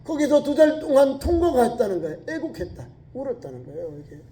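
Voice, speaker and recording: A middle-aged man preaching a sermon in a church, swinging between loud exclamations and soft low asides and acting out quoted speech. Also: big pitch swings, brisk. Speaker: pastor. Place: church sanctuary.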